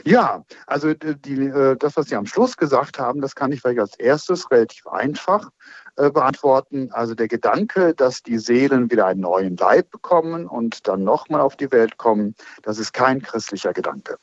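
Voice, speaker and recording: A man's voice: mid-range voice, animated, moderate pace, no room sound, dull audio. A man, a priest, patiently answering listeners' questions on a radio call-in show, thinking aloud with many fillers. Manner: thoughtful, explaining with many fillers.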